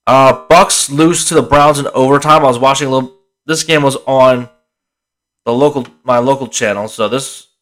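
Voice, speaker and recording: A man's voice: medium pitch, a bit bright. Tired, rambling young man. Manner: rambling, swears freely, restarts often. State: tired, yawning. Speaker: podcast host. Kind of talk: casual solo sports podcast.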